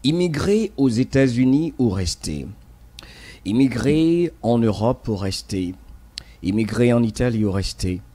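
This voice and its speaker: A man's voice: mid-range voice, lively intonation, a little slow, warm tone. A man hosting a radio talk show, speaking hesitantly with many fillers and repeated words.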